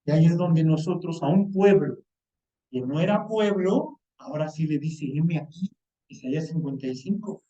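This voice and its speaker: A preacher with a Mexican Spanish accent and a high yet dark, mellow voice gives a lively sermon in everyday language, taking on the voices of the people he quotes. He speaks at a normal speed and sounds far away in a large, echoing hall, with dull, lo-fi audio.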